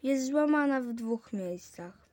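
A woman's voice: high voice, lively intonation, unhurried, darkish tone, no echo. A woman reading aloud, voicing a proud, bossy boy with a broken leg who talks down to his friends in a superior manner. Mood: boastful. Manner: superior, lordly.

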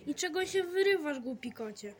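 A woman's voice: high voice, moderate pace, darkish tone, natural voice. A woman reading a storybook aloud and voicing an impatient young boy who scolds a stubborn cat. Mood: exasperated. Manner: exasperated scolding.

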